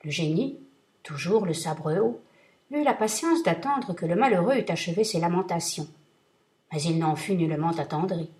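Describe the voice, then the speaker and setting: A woman narrating a classic tale in a steady, measured reading voice. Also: on the low side. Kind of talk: storybook reading.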